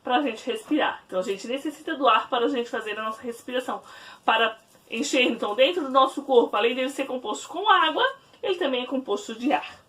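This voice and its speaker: Recording a remote lesson in her bedroom, a lively, high-voiced woman teacher sits far from the mic. She teaches children in a warm, didactic way, going slowly and saying "né?" frequently.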